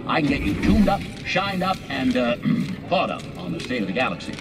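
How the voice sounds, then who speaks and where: A man's voice: mid-range voice, big pitch swings, normal speed, loud music behind the voice, lightly acted. A man voicing a flirty, coaxing game character. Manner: drawling, coaxing, throat-clearing. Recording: distant game audio under loud score.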